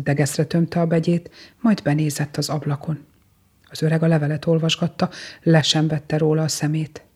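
An adult reading a children's Christmas story aloud in a gentle, expressive way. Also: mid-range voice, slightly rough. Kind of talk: storybook narration.

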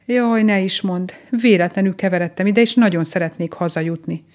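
A woman voicing a gentle, homesick young grey rabbit in a storybook reading, speaking softly and wistfully. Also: mid-range voice, natural voice. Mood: pleading. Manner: soft, pleading and wistful.

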